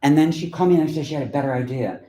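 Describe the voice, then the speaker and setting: A man's voice: a little high, rapid-fire, dark tone. A male-voiced poet giving a candid, chatty talk and reading poetry aloud to an audience in a lecture room. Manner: candid, blunt, chatty with asides. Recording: roomy echo from a lecture hall.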